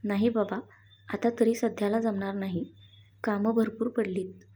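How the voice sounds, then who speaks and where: A woman voicing a brisk teasing young husband. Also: medium pitch, steady tone, warm tone, slightly rough, lightly acted. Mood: firm. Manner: firm, then playful.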